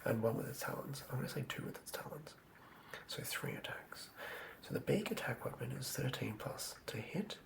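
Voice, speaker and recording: At normal speed, a man with an expressive, medium-pitched, gravelly voice does casual whispered ASMR. The channel host writes tabletop game monsters, thinking out loud and frequently murmuring words a second time.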